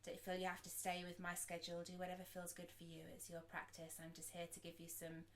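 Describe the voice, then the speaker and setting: Female meditation guide, slightly low pitch, soft slow delivery with pauses. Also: completely flat delivery, slight background noise. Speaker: sound healer and meditation guide.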